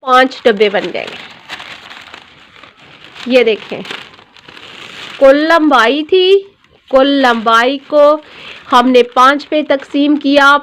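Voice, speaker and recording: A woman's voice: high-pitched, slow, long pauses, a bit bright, a little hiss or hum. A woman teaching a dressmaking tutorial, explaining each step patiently and repeating every measurement.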